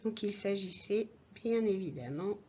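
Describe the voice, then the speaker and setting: Slow patient teacher woman, muffled recording. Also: medium pitch, lively intonation, mellow, a little hiss or hum. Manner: slow, clear, patient, addressing a child directly. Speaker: primary school teacher. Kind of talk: recorded reading lesson for young pupils.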